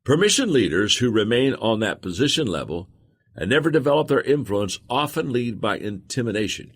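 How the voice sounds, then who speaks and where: A man reading a nonfiction audiobook aloud with expressive, emphatic delivery. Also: medium pitch, brisk, husky. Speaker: audiobook narrator.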